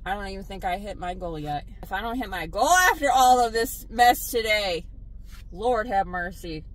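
A woman, a delivery driver vlogging from her car, blunt and animated as she tells her stories. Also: mid-range voice, slight background noise, poor audio. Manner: exasperated, blunt, animated storytelling. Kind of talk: casual vlog venting to viewers.

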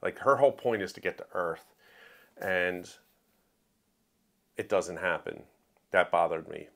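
With a deep, unhurried voice marked by vocal fry, the host of a book review show gives a casual monologue full of opinions. He grows emphatic whenever he drives a point home.

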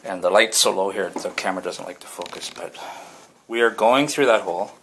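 A fire alarm technician apprentice with a deep, gravelly voice narrates his work a little fast, thinking aloud plainly and informally for a hands-on work vlog. He's indoors at ceiling spaces and wall panels, filmed on a handheld camera with noticeable background noise.

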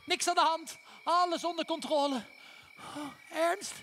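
An actor playing a cheerful, naive, childlike clown on stage, chatting playfully with the children in the audience. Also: male voice, very high voice, measured pace, bright, forceful tone, slight background noise, heavily acted. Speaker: stage comedian. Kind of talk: live children's theatre comedy. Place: theatre stage.

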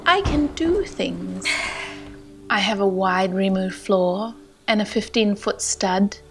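A Canadian woman narrating a travel vlog in a gentle, hushed voice that sometimes drops to a whisper, and reading poetry aloud. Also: medium pitch, lively intonation, takes it slowly. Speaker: vlogger. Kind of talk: soft-spoken voice-over narration and poetry reading.

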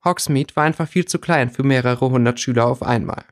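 A man reading fan fiction aloud as an audiobook, steady with small slips. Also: mid-range voice, fairly quick. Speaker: audiobook reader.

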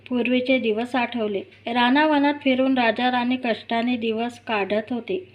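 A woman narrating a devotional folk tale in a steady, recited storytelling manner. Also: a little high, dull audio.

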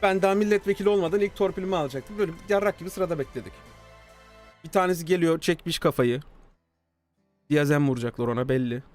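A man streaming live, telling a story casually to his chat, animated and swearing freely. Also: on the high side, fast talker, soft background music. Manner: animated, swears freely, acts out quoted dialogue.

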